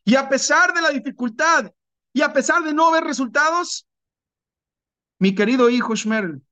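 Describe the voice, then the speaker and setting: A man's voice: very high voice, moderate pace, pushed and bright, no echo. A man voicing a proud, loving God. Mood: tender. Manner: tender, earnest, pleading. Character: proud loving male God speaking from heaven.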